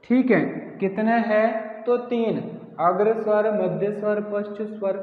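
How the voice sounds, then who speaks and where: A man's voice: high voice, measured pace. A man teaching a grammar lesson, asking the class questions and answering them himself, repeating key words. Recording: echoey hall, tinny phone-like sound.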